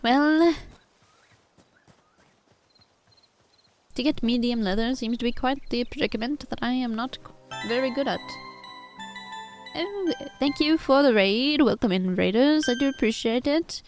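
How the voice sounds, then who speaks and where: A woman's voice: sits high, normal speed, soft background music. Woman streamer in a stiff formal put-on accent. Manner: greets raiders and chat warmly. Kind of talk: live gaming stream chat.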